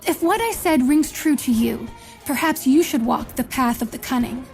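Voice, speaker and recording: In these scripted fantasy game lines, a woman plays a solemn, commanding visionary mentor who recruits chosen leaders. Her high voice is animated and a little mellow, her mood solemn and persuasive, and her delivery measured, portentous and rhetorical, with faint music in the background.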